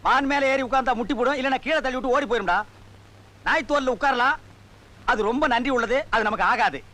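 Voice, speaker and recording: Brief: shrill, bright-toned village sorcerer-priest, mocks and berates everyone. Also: male voice, fast. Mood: scolding. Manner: scolding, insulting, mocking. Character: loud bullying male village sorcerer-priest, middle-aged, scornful. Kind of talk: 1990s film comedy dialogue.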